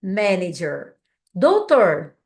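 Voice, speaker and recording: Slow, patient woman teacher with Brazilian accent. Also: lowish voice, sing-song, darkish tone. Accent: Brazilian Portuguese. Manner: slow, patient repeat-after-me drilling. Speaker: English teacher. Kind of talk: language lesson drills.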